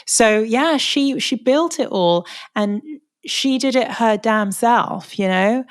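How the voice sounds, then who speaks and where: A British woman speaking as a podcast guest in a casual interview, halting and often repeating words as she gathers her thoughts. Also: fairly high pitch, expressive. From Britain.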